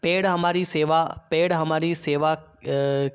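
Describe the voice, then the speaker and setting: Man, online class teacher, patient step-by-step explaining, slightly high voice. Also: fairly even intonation, takes it slowly, smooth. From India. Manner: explains step by step with fillers and restarts.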